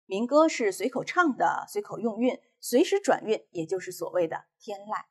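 Measured Chinese woman teaching a lesson. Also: mid-range voice, very animated, a little mellow. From China. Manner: clear, measured explanation of reading techniques. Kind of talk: recorded online class lecture.

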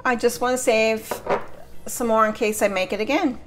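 A woman's voice: a little high, fairly even intonation, moderate pace, background noise. A middle-aged woman chatting casually as she demonstrates a recipe at home in her kitchen. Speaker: home cooking vlogger.

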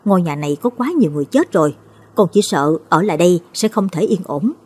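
A woman's voice: lowish voice, lively intonation, quick pace, a little mellow, slightly rough. A woman doing a tearful young widow. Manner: tearful, pleading.

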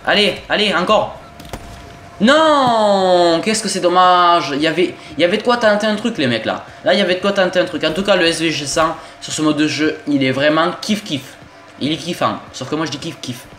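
Young man, southern French accent, fairly high voice, excitable gameplay commentary with frequent swearing, recorded in a roomy space. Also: fast, slight background noise. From southern France. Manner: excitable, swears often, jokey asides. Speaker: gaming YouTuber. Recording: roomy home recording with game music.

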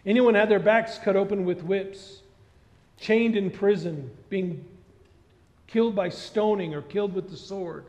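A middle-aged pastor with a fairly high voice preaches a sermon from a large church stage at a measured pace. He keeps asking the congregation questions in an animated, conversational manner. The audio is slightly muffled, with long reverb rolling through the hall.

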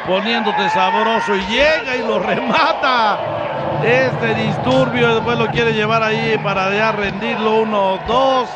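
A man's voice: high voice, steady tone, a little slow. A man with a Mexican accent giving live wrestling commentary in colloquial style, egging on the villains. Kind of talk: live lucha libre commentary. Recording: noisy arena with loud crowd.

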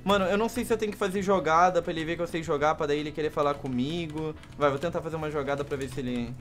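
A young man with a Brazilian accent, commentating over his gameplay as a gaming YouTuber, excitable and swearing often. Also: a little high, racing, soft background music. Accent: Brazilian Portuguese. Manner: excitable, swears often, swings from pleading shouts to mumbling. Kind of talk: gameplay commentary with chat readouts.

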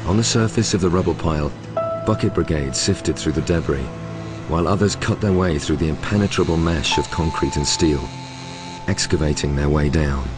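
Deep guy doing serious doc narration, loud music under it. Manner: measured, grave. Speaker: documentary narrator. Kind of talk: scripted narration. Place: studio voice-over. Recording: loud music bed behind.

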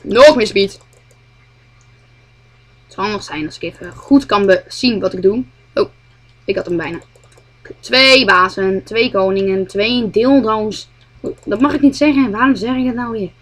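A woman muttering commentary while playing a game, swearing a lot and often speaking quietly. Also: medium pitch, expressive, moderate pace, long pauses, breathy edge. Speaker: gamer. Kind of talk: gameplay commentary.

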